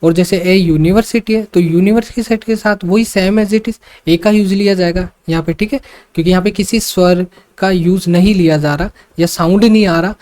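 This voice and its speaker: A man's voice: sits high, darkish tone. A man teaching an online exam-prep grammar lesson in a patient, repetitive way. He circles back to each point and keeps checking in with short fillers. English terms slip into his explanations. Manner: explains slowly, repeats points, frequent fillers like 'see' and 'okay'; mixes English terms into speech.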